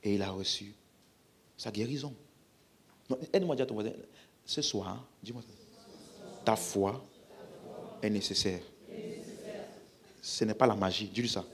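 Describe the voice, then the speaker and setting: A man's voice: on the low side, unhurried, pauses often. A man with a French accent preaching a healing-service sermon, emphatically calling out questions to the congregation.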